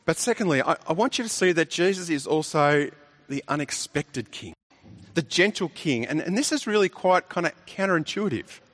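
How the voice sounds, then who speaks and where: A man's voice: a little high, lively intonation, moderate pace, a bit bright. A man preaching a sermon, emphatic and full of rhetorical questions, often repeating his words.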